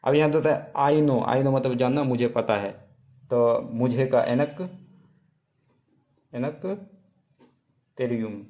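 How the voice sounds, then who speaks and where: Man teaching, slowly repeating words. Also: mid-range voice, fairly even intonation, mellow. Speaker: language teacher. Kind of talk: casual spoken lesson.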